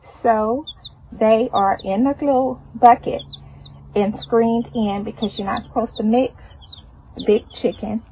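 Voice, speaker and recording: A middle-aged woman who keeps backyard chickens gives casual commentary on a phone video in her fenced backyard, holding the phone from behind the camera. Her voice is fairly high and mellow, with fairly even intonation and a slow pace. The outdoor recording is noisy, with chickens and chirping birds in the background.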